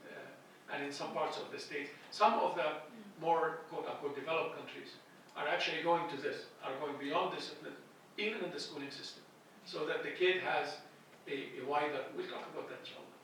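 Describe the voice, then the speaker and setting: Middle-aged male lecturer from Egypt, earnest and restarting often; bright, gravelly, slightly high voice in a reverberant hall. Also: fairly even intonation, a little fast, a little hiss or hum. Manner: earnest, thinking aloud with frequent restarts. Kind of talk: classroom lecture. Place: lecture hall with a projected slide. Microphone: handheld mic at a lectern, filmed from a distant camera. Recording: echoey hall from far off.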